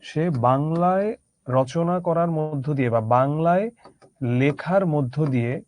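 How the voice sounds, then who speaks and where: A man's voice: a little high, slow pace, a little mellow. A man teaching a literature lesson conversationally, asking his students rhetorical questions. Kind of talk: Bangla literature lecture.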